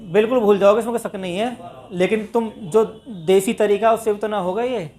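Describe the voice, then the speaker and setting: A man's voice: high-pitched, fairly even intonation, a little fast, a little mellow. A man with a north Indian Hindi accent, teaching a maths class step by step and addressing his students as "bhai". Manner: talks through steps, addresses students as bhai.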